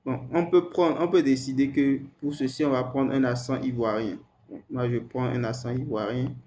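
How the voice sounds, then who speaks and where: A man hosting a screen-recorded software tutorial, talking hesitantly and repeating words as he types. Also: medium pitch, steady tone, moderate pace, a little hiss or hum. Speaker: tutorial host.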